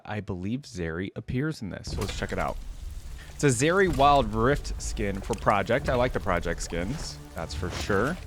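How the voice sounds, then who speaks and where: Hosting a reaction video, a man chats enthusiastically in casual slang, his voice medium-pitched with no echo. Behind him plays music coming from the videos being watched.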